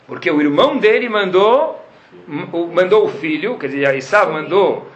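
A man's high voice rises and falls sharply as he teaches a religious lesson. He keeps throwing rhetorical questions back at his listeners and answers them himself. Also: lively intonation, moderate pace, highs cut off, a little hiss or hum. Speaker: Torah teacher.

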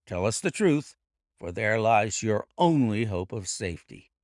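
A man reading aloud and voicing a calm, stern, commanding male detective in a cool, cutting, measured way. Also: fairly low pitch, no room sound, clean studio sound. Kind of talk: audiobook character voice.

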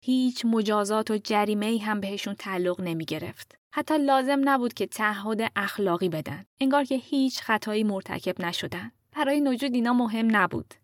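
A woman narrating a true story in a calm, measured storytelling voice. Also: medium pitch, no echo, clean studio sound. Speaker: podcast narrator.

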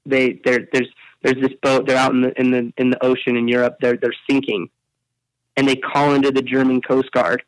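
A man being interviewed on a podcast, telling stories in an animated way and often repeating his words as he talks. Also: mid-range voice, normal speed, no echo, low-quality recording. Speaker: interview guest, speaker.

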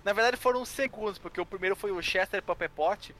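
A man's voice: sits high, fast talker, fairly bright tone, a little hiss or hum. Joking Brazilian man spinning theories. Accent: Brazilian Portuguese. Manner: jokey, rambling speculation with laughs. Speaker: podcast co-host. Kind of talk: casual comedic podcast banter.

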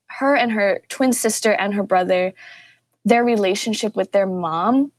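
A young woman talks casually as a guest on a podcast about teaching. She tells stories with lively energy and often jumps up in pitch to act out what people said. The sound is dry and close. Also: unhurried, no echo. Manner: animated storytelling, acts out quotes with pitch jumps. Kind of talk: casual interview talk.

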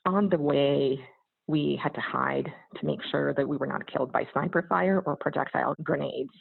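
Podcast guest: Bosnian-accented woman, very creaky, earnest storyteller, heard over a narrow phone-quality connection. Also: sits low, moderate pace, dry recording. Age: 30s or 40s. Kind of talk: personal storytelling in an interview. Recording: muffled narrow phone-like line.

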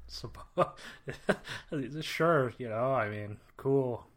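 A man co-hosting a podcast in casual chat, his voice of middling pitch. He sounds wry and grumbly, with a self-aware curmudgeonly tone. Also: extremely slow, fairly bright tone. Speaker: podcast co-host.

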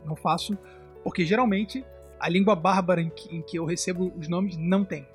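A man's voice: high-pitched, a little fast, soft background music. A man co-hosting a casual podcast discussion, talking in a conversational way. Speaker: podcast co-host.

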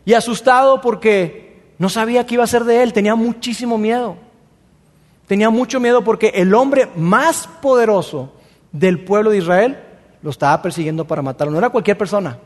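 A man preaching a sermon, retelling a Bible story in a colloquial, animated way. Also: high-pitched, fairly quick, long reverb tail. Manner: colloquial and animated, with slangy asides. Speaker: pastor.

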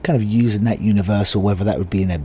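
A man with a low, husky voice that is giving out hosts a podcast. He talks casually and on his own to the listener, sounding like he is losing his voice. There is faint noise behind him. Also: fairly even intonation, rapid-fire, mellow. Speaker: podcast host. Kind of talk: podcast introduction, casual monologue.

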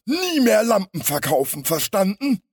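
A man voicing a stocky, gruff gangster who barks his threats in a storybook reading. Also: big pitch swings, unhurried, no echo, clean studio sound, full character voice. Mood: threatening. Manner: booming, growling threats.

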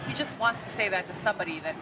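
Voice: mid-range voice, racing, a loud crowd. A speaker making wry, playful remarks in a casual podcast chat. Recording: distant mic with convention noise.

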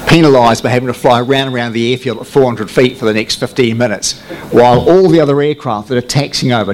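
A man's voice: medium pitch, a little hiss or hum. Older man telling flying yarns. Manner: lively storyteller, acts out quoted radio calls in a raised voice; dry, self-mocking humour with chuckles. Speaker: guest speaker, former military jet pilot. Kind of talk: anecdotal talk to an audience. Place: meeting room before a live audience.

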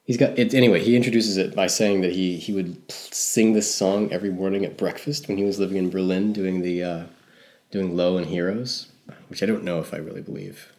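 Male co-host, very low voice, casual rambling music chat. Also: fairly even intonation, brisk, darkish tone. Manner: rambling, self-correcting, hedging. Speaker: podcast co-host.

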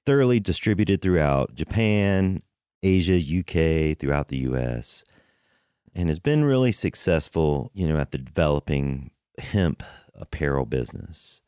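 Male podcast host, low-pitched, conversational and rambling intro delivery, very dry recording. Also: a little mellow, clean tone, dry recording. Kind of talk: casual podcast introduction monologue.

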